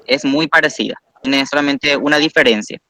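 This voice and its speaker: A man's voice: a little high, fairly quick, sharp tone, no echo. A man teaching a language class, explaining patiently step by step and praising students.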